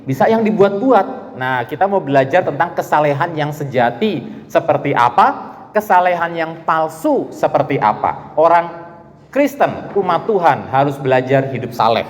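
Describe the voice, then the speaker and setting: A pastor delivering an animated sermon to young students, now and then calling quoted lines out loud. His voice sits high for a man. The sound carries a long reverb from a church hall. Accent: Indonesian. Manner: animated preaching, shouts out quoted lines, playful asides.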